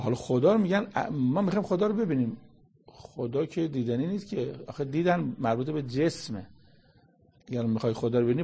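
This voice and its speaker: Husky-voiced man giving a religious lecture. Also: mid-range voice, a little mellow. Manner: colloquial explaining, quoting Arabic verses. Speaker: Quran commentator.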